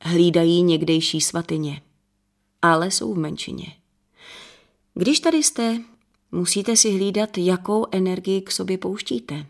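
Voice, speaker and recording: A woman's voice: on the low side, pauses often, darkish tone, natural voice. A woman reading the part of a serious man cautioning visitors about spirits, in an audiobook. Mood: grave.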